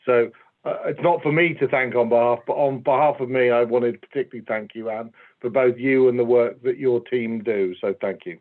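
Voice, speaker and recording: A man's voice: mid-range voice, fairly even intonation, brisk. A man with an English accent, a commissioner, offering thanks at a meeting with some hesitation. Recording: tinny phone-like audio.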